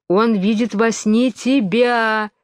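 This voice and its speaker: A woman's voice: on the high side, sing-song, unhurried, dry recording, studio quality, pitched above the performer's own voice. A woman voicing a boastful, self-satisfied little twin brother who teases the girl, in a storybook reading. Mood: teasing.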